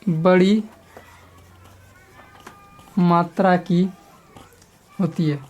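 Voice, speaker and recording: A woman's voice: on the low side, steady tone, extremely slow, darkish tone, muffled recording. A woman teacher giving a grammar lesson step by step, repeating key terms and asking the class questions.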